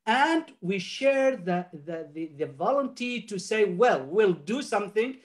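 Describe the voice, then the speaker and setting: A high-pitched, animated older man, Arabic being his first language, joins a panel by video call from his home office. His remarks are earnest and halting, peppered with restarts and filler words.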